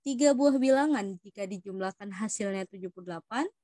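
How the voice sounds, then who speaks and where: A woman's voice: mid-range voice, a little fast, warm tone, dry recording. A young woman with an Indonesian accent, patiently explaining math test questions to students as a tutor. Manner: patient, addresses students as "Dik".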